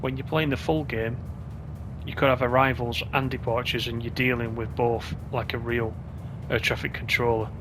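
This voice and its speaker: Over clearly audible game music, a man comments casually on his gameplay for a video, chatting and working things out out loud. His pitch is average for a man, barely moves, and his pace is normal.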